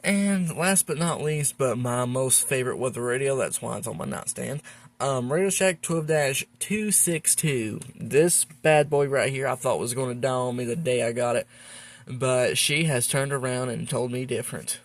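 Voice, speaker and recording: A medium-pitched American man talks at a normal pace as he hosts a hobby show-and-tell vlog from a room at home. The tone is folksy and casual, full of rambling and muttered remarks to himself.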